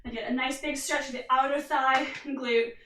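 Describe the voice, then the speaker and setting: Woman coaching a workout, high bright voice, upbeat step-by-step cues, echoey room with a distant mic. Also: fairly even intonation, moderate pace, slight background noise. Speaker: fitness instructor. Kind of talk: guided workout instruction.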